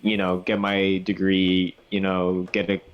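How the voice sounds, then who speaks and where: Twenties male co-host, lowish voice, frank storytelling with cursing. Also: unhurried, clear, resonant tone, muffled recording. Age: 20s. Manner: candid, swearing, animated storytelling. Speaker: podcast co-host. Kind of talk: casual chat.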